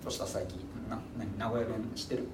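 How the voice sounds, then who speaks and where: A man teaching a high school history class in a casual, joking lecture style. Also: fast, noisy background. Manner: casual, joking, lively delivery.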